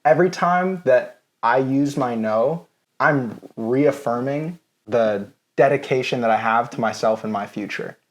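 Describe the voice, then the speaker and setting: Male co-host, casual banter, loose and jokey, mid pitch. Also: unhurried. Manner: loose and joking, heavy use of filler "like". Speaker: podcast co-host. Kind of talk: casual chat.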